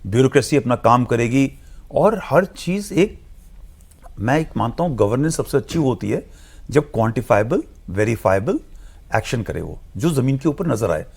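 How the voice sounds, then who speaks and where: A man's voice: medium pitch, animated, normal speed, gravelly, a little mellow, breathy edge. A man speaking as a studio guest analyst in a discussion, explaining earnestly and emphatically, mixing English phrases into his talk.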